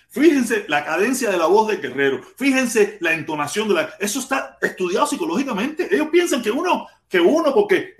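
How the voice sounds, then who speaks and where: A man with a Cuban Spanish accent hosts a live podcast in a heated, profane rant. He keeps hammering the same phrases and firing off rhetorical questions, his voice pitched high. The room around him is echoey and reverberant. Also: fairly bright tone. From Cuba. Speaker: podcast host.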